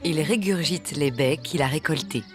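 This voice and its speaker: A documentary narrator with a medium-pitched voice delivers scripted nature narration. The delivery is measured and articulate, with music playing underneath.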